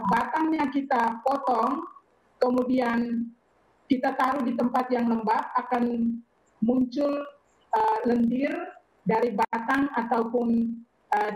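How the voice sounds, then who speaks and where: A woman plant protection expert explaining in a measured way, often pausing with fillers. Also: fairly high pitch, a little mellow, reverberant, low-quality recording. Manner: measured, with frequent hesitation fillers.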